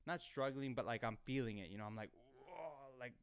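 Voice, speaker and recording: Rambling young man with a smooth voice. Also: medium pitch, fast. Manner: rambling, self-conscious, heavy filler words and restarts. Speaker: podcast host. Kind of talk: casual storytelling monologue. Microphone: desk microphone.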